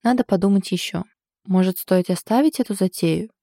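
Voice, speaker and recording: A woman's voice: mid-range voice, moderate pace, mellow, dry recording, natural voice. A woman reading the lines of a fond, ironic husband in an audiobook. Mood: wry fond. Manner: dry, ironic, affectionate. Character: teasing husband, a man, fond and wry.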